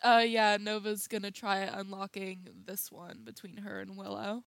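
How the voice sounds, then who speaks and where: A woman's voice: medium pitch, moderate pace, a bit bright, no echo. A woman player chatting casually during a tabletop role-playing game.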